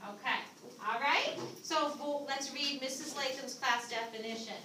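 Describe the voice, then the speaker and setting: High-voiced woman teaching a noisy class. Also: moderate pace, sharp tone. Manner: patient, prompts students to repeat after her. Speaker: visiting teacher. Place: school classroom. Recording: echoey classroom from far off, noisy.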